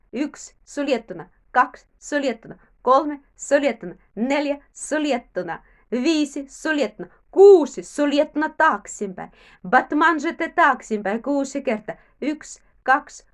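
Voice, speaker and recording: High-voiced woman teaching children's ballet. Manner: slow, instructive, counting steps aloud; encouraging, repeats affirmations.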